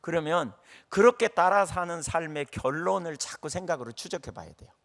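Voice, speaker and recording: A middle-aged man preaching from the pulpit, his voice somewhat high and gravelly. He tells his stories animatedly and slips into the voices of the people he describes. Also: normal speed. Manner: animated storytelling, acting out congregants' voices. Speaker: pastor. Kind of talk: sermon.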